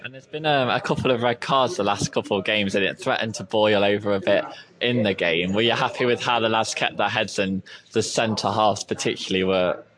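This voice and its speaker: A man's voice: fairly low pitch, fairly quick, fairly bright tone, poor audio. A man interviewing football staff after a match, asking casual, friendly questions.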